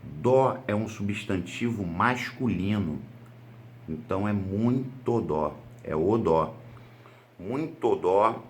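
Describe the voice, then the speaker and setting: Brazilian male exam-prep teacher, lowish voice, patient step-by-step explainer. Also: slight background noise. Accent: Brazilian Portuguese. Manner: explains step by step, rhetorical questions and answers. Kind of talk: grammar lesson walkthrough.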